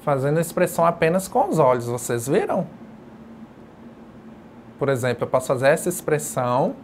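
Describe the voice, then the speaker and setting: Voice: mid-range voice, big pitch swings, a little fast, darkish tone, slight background noise. A sign language teacher giving a recorded distance-learning lecture, explaining patiently and step by step while demonstrating signs. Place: educational video studio.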